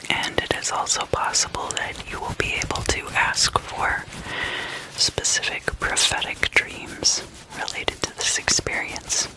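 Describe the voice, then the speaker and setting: Someone whispers a guided meditation in a breathy, unvoiced way, delivering instructions in halting phrases with wide spaces between them. The audio quality is poor.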